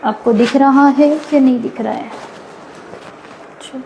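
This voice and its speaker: A woman teaching a live online Quran recitation class. She recites slowly and drawn out, asks her class questions and answers them herself, and explains quickly in between. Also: sits high, fairly even intonation, vocal fry, dark tone, lo-fi sound, slight background noise. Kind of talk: live online tajweed lesson.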